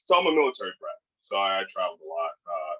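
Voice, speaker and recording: A man in his thirties with a very low, husky voice that still carries a bright, tense edge. He talks as a podcast guest, easygoing and rambling, full of fillers and restarts. The recording sounds dull and lo-fi. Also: sing-song, racing. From born in California, raised in Hawaii and Spain. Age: 30s. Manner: laid-back, rambling with many fillers and restarts. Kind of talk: casual podcast interview.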